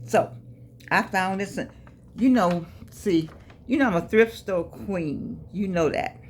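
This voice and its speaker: A woman's voice: mid-range voice, takes it slowly, a little hiss or hum. A woman, giving a folksy, preachy motivational talk, repeating phrases and calling listeners baby. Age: 80s. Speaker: life coach vlogger. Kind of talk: casual motivational talk to camera.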